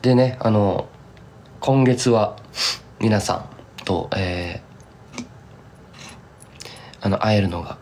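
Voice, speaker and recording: Taking it slowly and pausing often, he speaks in a warm, lowish voice. He's a young singer-songwriter from Kumamoto, Japan, casually chatting with fans on a live stream, rambling and slipping into heavy Kumamoto dialect.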